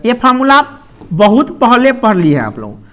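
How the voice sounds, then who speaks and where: A woman's voice: on the high side, normal speed. A woman with a Bihari Hindi accent teaching a maths class in a classroom, keeps firing questions at her students and drawing answers out of them. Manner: animated call-and-response questioning of students. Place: classroom with a board.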